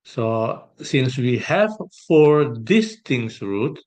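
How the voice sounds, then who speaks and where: A man working through an exam problem as a math tutor, thinking aloud with pauses and fillers. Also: medium pitch, sing-song, a little mellow. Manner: slow, hesitant, thinking aloud while sketching. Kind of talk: exam solution walkthrough.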